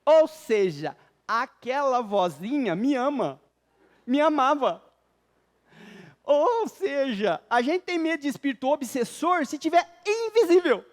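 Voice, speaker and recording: A man's voice: very high voice, sing-song, unhurried. Brazilian man giving a humorous lecture. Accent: Brazilian Portuguese. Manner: quizzes the audience, jokey storytelling. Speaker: spiritist lecturer. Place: lecture hall with audience.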